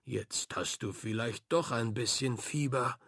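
Brief: a boisterous sea-captain father in a children's audiobook, voiced by a man, hearty and slow-spoken, with a dry, close sound. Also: medium pitch, gravelly, fairly bright tone, slightly rough, dry recording, heavily acted. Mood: worried. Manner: hearty, exclamatory.

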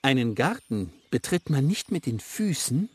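A man voicing a wise-sounding figure who speaks slowly and with a sage-like lilt. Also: mid-range voice, sing-song, breathy edge, dry recording, pitched above the performer's own voice.

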